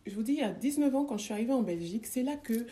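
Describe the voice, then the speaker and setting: A woman's voice: fairly high pitch, expressive, quick pace, dark tone. A woman speaking as a guest in a casual interview, hesitant, with many restarts.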